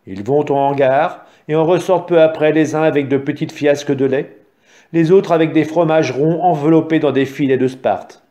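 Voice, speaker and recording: A man narrating a story with a calm, measured reading. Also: on the high side, highs cut off.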